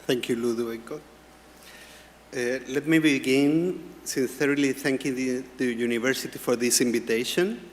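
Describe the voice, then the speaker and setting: A man's voice: mid-range voice, a little hiss or hum. Chilean man giving a formal talk. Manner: formal, measured, with occasional word restarts. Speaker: panelist, architecture professor. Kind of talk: prepared panel talk. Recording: long hall reverb.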